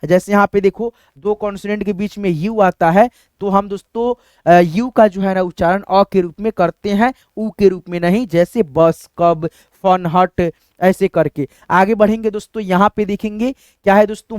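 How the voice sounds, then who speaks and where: A man teaching a patient phonics lesson in a high, smooth, resonant voice. He keeps asking his students questions and then answers them himself. The sound is close and dry. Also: fairly even intonation, normal speed, darkish tone, no room sound. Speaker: English teacher.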